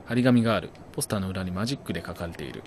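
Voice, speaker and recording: A man doing let's play commentary, chatting jokingly to himself and bursting into loud startled yells. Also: sits low, expressive, racing, slight background noise. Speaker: game commentator. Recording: loud game sound behind the voice.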